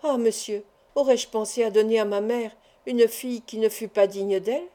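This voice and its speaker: A woman's voice: on the high side, fairly even intonation, normal speed, dark tone, lightly acted. A woman reading an earnest young man in love. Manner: emotional, imploring.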